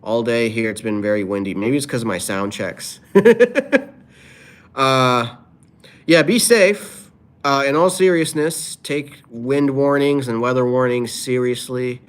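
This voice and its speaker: A man's voice: mid-range voice, fairly even intonation, moderate pace, clean tone. A man talking casually on a live stream, reading out viewer comments and dropping playful improvised rhymes. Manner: playful, drops off-the-cuff rhymes.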